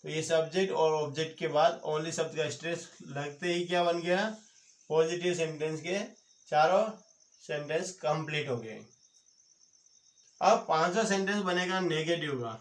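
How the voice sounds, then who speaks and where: A man's voice: fairly high pitch, moderate pace. A man from India giving an online grammar lesson, quizzing viewers with repeated questions and answering them himself. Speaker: teacher. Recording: roomy echoey home recording.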